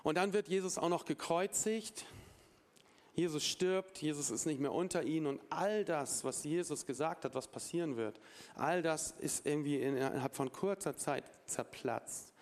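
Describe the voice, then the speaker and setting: A man preaching a sermon, retelling a Bible story with lively storytelling, acting out the dialogue and adding informal asides. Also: fairly high pitch, moderate pace.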